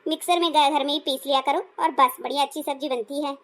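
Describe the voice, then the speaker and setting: A woman's voice: high-pitched, fairly even intonation, fast, fairly bright tone. A woman voicing a nosy, teasing older woman neighbour in a cartoon. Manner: teasing, scolding.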